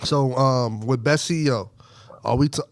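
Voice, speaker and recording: A man's voice: mid-range voice, moderate pace, no room sound. A man co-hosting a podcast, weighing his words with fillers before pressing his point. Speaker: podcast co-host. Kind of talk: casual debate.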